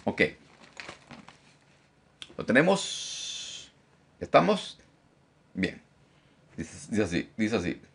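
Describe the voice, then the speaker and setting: A man teaching a Bible study as pastor, animated, often repeating phrases and checking in with his listeners. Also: slow pace, vocal fry, long pauses, husky. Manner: lively, animated teacher who mimics critics in a high mocking voice. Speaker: pastor teaching a discipleship class.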